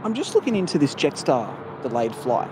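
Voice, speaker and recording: A man's voice: mid-range voice, sing-song, fairly quick. A man talking casually on a live stream. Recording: outdoor traffic and urban noise. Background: city and vehicle noise.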